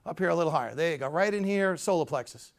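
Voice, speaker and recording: A man teaching public speaking at a live workshop, energetic and demonstrative, leading the group in call-and-response. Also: on the high side, fast talker. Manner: demonstrative, acts out postures and tones.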